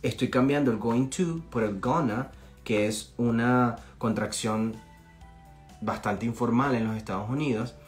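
A young man from Venezuela teaching English in a casual live-streamed lesson, chatty and encouraging, often checking in with his students and repeating phrases slowly for practice. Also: mid-range voice, faint music behind.

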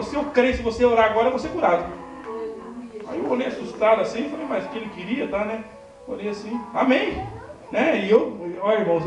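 A Brazilian man preaches a fervent Pentecostal testimony in a high voice, rising to loud cries and dropping to hushed asides. He is picked up from a distance in a booming, echoey church hall. Music plays clearly behind him. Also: lo-fi sound. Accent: Brazilian Portuguese.

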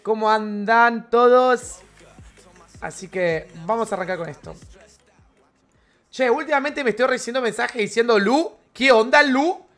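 High-voiced Argentine streamer guy. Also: moderate pace, pauses often, soft background music. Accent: Argentine Spanish. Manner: energetic, slangy, chatty with viewers. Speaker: game streamer. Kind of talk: live game stream chat.

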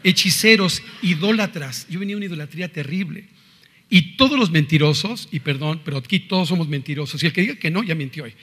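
A man's voice: fairly high pitch, racing, hardly any pauses, fairly bright tone. A middle-aged man with a Mexican accent giving an earnest, confessional religious testimony and quoting scripture. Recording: reverberant hall.

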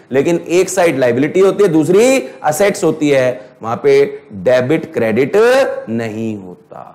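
A man's voice: a little high, darkish tone. Hindi-English lecturing male teacher. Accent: Indian English. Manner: mixes Hindi and English, slows right down to dictate definitions, asks students questions. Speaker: accounting lecturer. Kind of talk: classroom lecture. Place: classroom with students.

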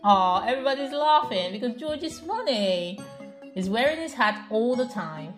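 Her voice on the high side and expressive, a mother reads a picture book to her young child at a normal speed in the home kitchen. She quizzes and encourages the little girl, repeating her answers, while faint children's music plays.

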